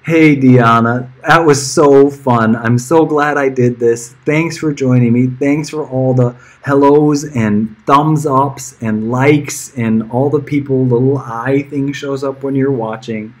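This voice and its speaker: His medium-pitched voice stays steady and slow, with hardly any pauses. The middle-aged musician is casually livestreaming to friends and fans, rambling informally, wandering off on tangents and chuckling here and there.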